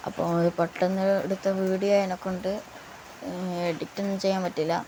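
A woman's voice: on the low side, noisy background. A woman with a sore throat giving casual, rambling gameplay commentary as a YouTuber, often addressing her viewers. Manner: rambling, filler-heavy, keeps addressing viewers. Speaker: gaming YouTuber.

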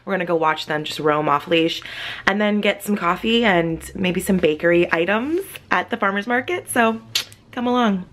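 A woman's voice: mid-range voice, moderate pace, fairly bright tone. Bubbly young woman vlogging outdoors. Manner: bubbly, gushing, chatty. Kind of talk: casual vlog chat. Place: outdoors in a city park and streets. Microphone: handheld compact camera.

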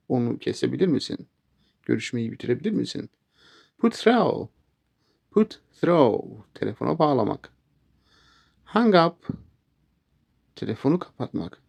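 A man teaching a language lesson, saying English phrases slowly and clearly and then giving their meanings. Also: a little high.

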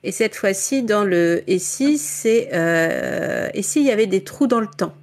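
A woman's voice: mid-range voice, lively intonation, unhurried. A woman talking casually in a book club, presenting a novel with many fillers and frequent laughter.

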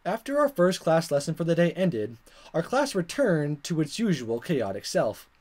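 A gaming video maker reads a visual novel aloud dramatically, sometimes stumbling over words and repeating them. His voice is a little high and darkish, with big pitch swings at normal speed. Game music with plucked guitar plays behind him.

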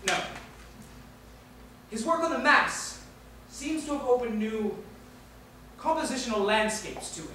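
An actress plays a devoted composer's secretary who pleads with urgent conviction, her voice set high. The sound comes from far across a very echoey theatre, with faint room noise behind. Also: animated, measured pace, long pauses, pushed and bright. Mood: earnest. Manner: pleading, urgent stage delivery. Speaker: actor. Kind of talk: stage play acting. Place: theatre stage.

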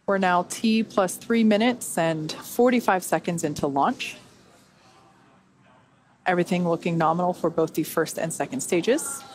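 A woman's voice: lowish voice, a little slow, a little mellow. A woman hosting a launch webcast, giving conversational, explanatory live commentary. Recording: faint background noise.

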